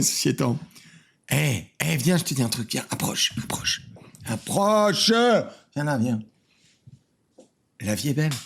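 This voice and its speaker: Rowdy shouting French-speaking man, gravelly. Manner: shouts exclamations, swings from bellowing to low mumbling. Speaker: cooking channel host reacting to a video. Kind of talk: excitable comedic reaction commentary. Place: his home studio.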